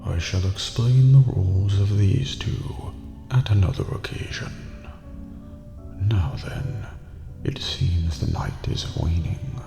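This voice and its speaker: Man playing Igor, gravelly, eerie prison master. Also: sits low, dark tone, full character voice. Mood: courteous, mysterious. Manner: formal, deliberate, ominous, often near whispering. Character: eerie, courteous old male master of a dreamlike prison. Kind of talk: scripted ASMR roleplay. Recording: echoey hall reverb with background music.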